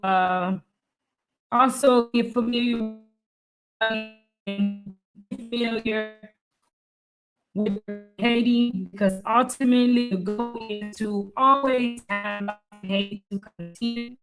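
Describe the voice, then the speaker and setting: A woman's voice: on the high side, steady tone, slow pace, long pauses, music in the background. A woman hosting a live stream, speaking earnestly and repeating her points for emphasis. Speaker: livestream host.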